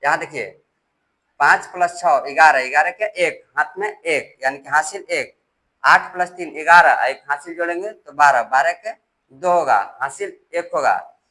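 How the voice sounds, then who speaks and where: A man's voice: on the high side, normal speed, bright, forceful tone, low-quality recording. A man teaching decimal addition step by step, patient and repetitive, reading digits aloud one by one. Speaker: math teacher. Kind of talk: step-by-step classroom explanation.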